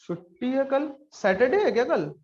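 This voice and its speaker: A man's voice: very high voice, very animated, moderate pace, roomy sound, muffled recording. A man teaching a live online coding class in a chatty, casual way, often turning to ask his students questions. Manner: chatty, mixes English into Hindi, asks the class questions.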